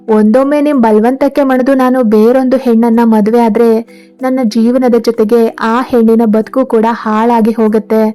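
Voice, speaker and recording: A woman's voice: fairly high pitch, warm tone, natural voice. A woman voicing a devoted young man who earnestly pleads his love, in a read-aloud story. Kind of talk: storybook narration.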